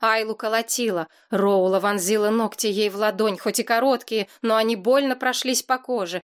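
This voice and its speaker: A woman narrating a fantasy novel in a steady, lively storytelling voice. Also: a little high, moderate pace. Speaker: audiobook narrator.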